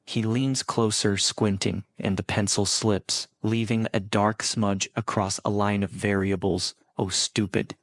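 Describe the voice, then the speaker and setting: Low calm guy reading a sleep story, slow and easy, dry mic. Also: dry recording. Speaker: narrator.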